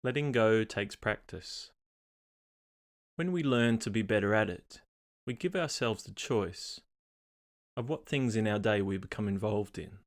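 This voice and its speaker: In a lowish voice, a man reads a guided meditation script, pausing between phrases and keeping his delivery calm, measured, and unhurried.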